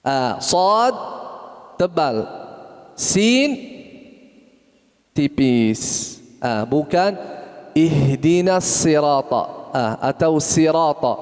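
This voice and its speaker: A man teaching Quran recitation, correcting pronunciation and repeating letter sounds slowly. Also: fairly high pitch, lively intonation, a little mellow, big-room sound. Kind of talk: tajweed lesson with recitation.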